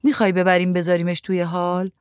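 A woman voicing a calm, gentle young father in a storybook reading, speaking softly and reassuringly. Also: on the low side, clean tone, no room sound, studio quality, lightly acted.

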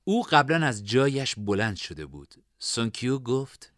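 A man narrating a fantasy story in expressive storytelling style. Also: mid-range voice, no echo, studio quality.

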